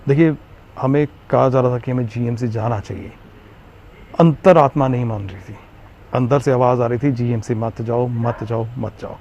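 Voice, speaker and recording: A man with a Jammu Hindi accent tells his own story in an earnest, rambling way, circling back to points and padding with fillers. His voice sits mellow and dark. The recording is a little muffled, with faint background noise. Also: medium pitch. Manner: earnest, repeats himself, frequent fillers. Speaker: interviewee, Covid survivor. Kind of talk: recounting personal story in interview.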